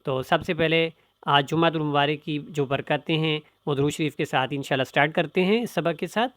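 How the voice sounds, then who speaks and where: A man teaching Quranic pronunciation in a quick, matter-of-fact lesson voice. His tone is smooth and resonant. It sounds tight and dry, with no room echo. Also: fairly high pitch, fairly bright tone. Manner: brisk explaining voice, breaking into slow chanted recitation.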